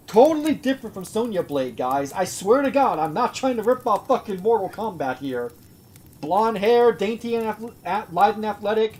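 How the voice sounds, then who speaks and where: A woman's voice: mid-range voice, a little mellow, a little hiss or hum. A young woman reading a bad story aloud for laughs, breaking off with sarcastic, swearing asides. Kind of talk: comedic live reading with commentary.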